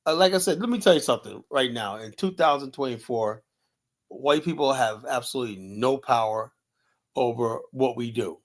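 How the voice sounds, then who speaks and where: A man's voice: mid-range voice, animated, moderate pace. A man hosting a live stream, talking bluntly and profanely, arguing, with many "you know" fillers. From United States. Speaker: host. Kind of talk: combative live-stream commentary.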